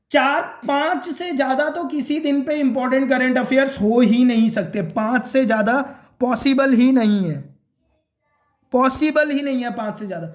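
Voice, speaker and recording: A man giving a casual exam-prep lesson, repeating his points and checking in with "okay?" and "clear?". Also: extremely high pitch, echoey room. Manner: repeats points, addresses viewers as guys and friends.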